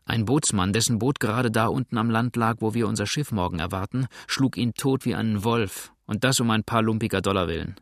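A man doing a gruff frontier sailor. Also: lowish voice, brisk, hardly any pauses, dry recording, clean studio sound, natural voice. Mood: agitated. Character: rough male frontier sailor, blunt and gruff.

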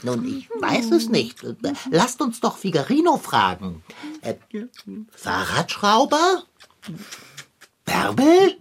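A woman's voice: a little high, wildly swooping pitch, takes it slowly, vocal fry, pauses often, full character voice. A woman playing an eager bicycle-shop owner styled as a pirate, using courtly, old-fashioned phrases. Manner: archaic, courtly speech.

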